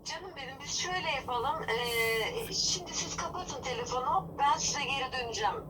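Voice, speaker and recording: A woman's voice: sits high, animated, moderate pace, recorded from a distance, crowd noise. Woman playing a formal office employer over a landline phone. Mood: polite. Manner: formal and patient, hesitant fillers.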